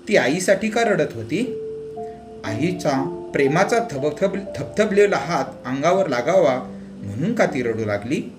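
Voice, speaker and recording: A male storyteller reads with real feeling, his voice rising high and sinking low as the tale moves. His tone sits a little above the usual for a man. Instrumental music plays clearly behind him. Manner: emotional, expressive, swells and drops with the story. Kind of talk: dramatic storybook reading.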